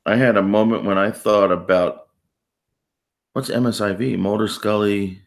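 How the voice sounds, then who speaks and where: A man's voice: fairly low pitch, fairly even intonation, normal speed, creaky. A man co-hosting a live stream chat, talking casually and rambling a bit, sounding tired. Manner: rambling, self-interrupting. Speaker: co-host of a live stream discussion.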